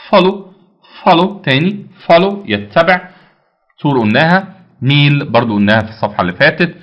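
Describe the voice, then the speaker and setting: A man's voice: mid-range voice, highs cut off. A man with an Egyptian Arabic accent teaching English vocabulary, repeating each word and answering his own questions. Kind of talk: vocabulary lesson.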